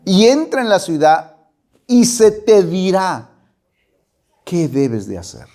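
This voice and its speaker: A man preaching a sermon, emphatic and animated, dropping at times to a whisper. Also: sits high, takes it slowly. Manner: emphatic, rising and falling delivery with whispered asides. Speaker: pastor.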